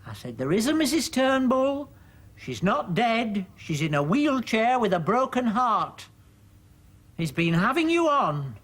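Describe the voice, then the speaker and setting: A man's voice: on the high side, animated, normal speed, husky. A middle-aged man, delivering a dry, prim dramatic monologue. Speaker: monologue narrator.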